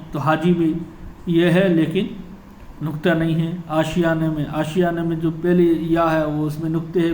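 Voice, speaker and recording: A man's voice: on the high side, darkish tone. A male teacher giving an exam-prep lecture, explaining step by step and answering his own questions. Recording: echoey room with faint ambient noise.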